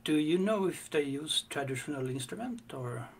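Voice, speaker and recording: A man co-hosting a music reaction chat, talking haltingly with many fillers and restarts. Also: a little high, lively intonation, gravelly. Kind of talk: casual chat.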